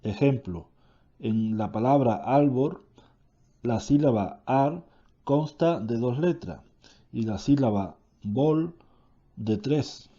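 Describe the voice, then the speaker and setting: A man reads a grammar lesson in a slow, measured way, stopping to fix his own slips. His voice is very dark and mellow, and the recording sounds dull and lo-fi. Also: medium pitch. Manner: slow, deliberate reading with self-corrections. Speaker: teacher reading a grammar lesson. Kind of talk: reading a grammar lesson aloud.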